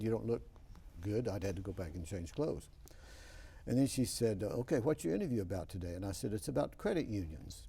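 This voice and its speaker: A man hosts a studio interview program, spinning folksy stories. His voice is dark and mellow, with gravelly fry and a husky edge. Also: fairly low pitch. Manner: folksy storytelling. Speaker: host.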